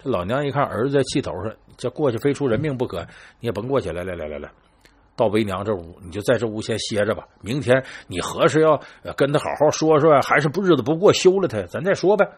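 Man, chatty storyteller, swinging pitch, husky voice. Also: fast. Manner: lively, chatty, addresses listeners directly, acts out quoted lines. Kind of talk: casual spoken storytelling.

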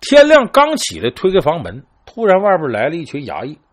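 Lively man telling a tale. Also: on the high side, brisk, slight background noise. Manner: lively, chatty, addresses listeners directly, acts out quoted lines. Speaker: storyteller. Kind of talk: casual spoken storytelling.

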